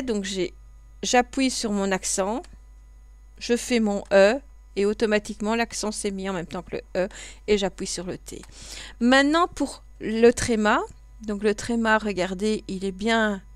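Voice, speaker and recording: Belgian French woman instructor, patient and step-by-step, close dry mic, mid pitch. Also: no room sound. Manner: patient step-by-step explaining, with frequent fillers. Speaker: computer class instructor. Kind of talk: screen-recorded tutorial.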